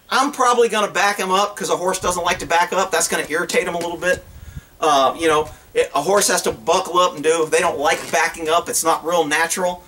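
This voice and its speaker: A middle-aged horse trainer who vlogs talks horses casually in a high-pitched voice, giving off-the-cuff instruction to the camera outdoors on open rural land. He's animated, blunt and folksy, often acting out imagined conversations.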